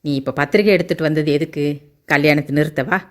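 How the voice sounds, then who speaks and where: A woman voicing a sharp-tongued, quick-tempered 18-year-old village girl in a Tamil audiobook. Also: low voice, lightly acted. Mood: irritated. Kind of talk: audiobook character voice.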